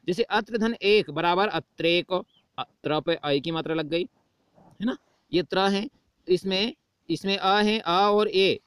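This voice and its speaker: A male teacher walks through a grammar lesson with a high, smooth voice, asking a question and then answering it himself. The sound is dry and close, with no room around it. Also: no echo. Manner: explains step by step, asks questions and answers them himself.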